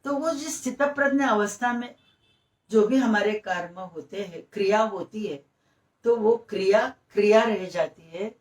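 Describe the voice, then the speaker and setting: Slow-spoken woman yoga teacher, echoey room. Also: medium pitch, recorded from a distance. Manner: slow, explanatory, mixes Hindi with English phrases. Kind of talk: spiritual lecture on yoga philosophy.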